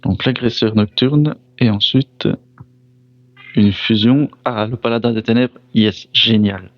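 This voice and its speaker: The speaker is a man opening card packs, naming each card aloud and reacting briefly, with apologies for mispronounced foreign names. His medium-pitched voice keeps a fairly even intonation, and the lo-fi recording has no echo.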